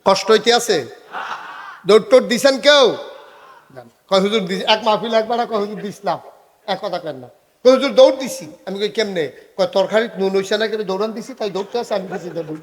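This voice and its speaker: A man's voice: sits high, quick pace. A man preaching a humorous sermon, telling a story, acting out dialogue and joking with the audience. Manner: animated, jokes with audience, acts out dialogue. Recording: reverberant hall.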